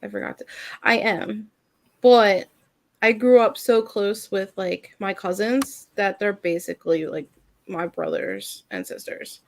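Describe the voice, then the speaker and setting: A woman's voice: medium pitch, expressive, unhurried, slight background noise. A woman co-hosting a casual mom podcast, rambling and filling her talk with "like". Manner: rambling, heavy use of "like". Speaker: podcast co-host. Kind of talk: casual chat.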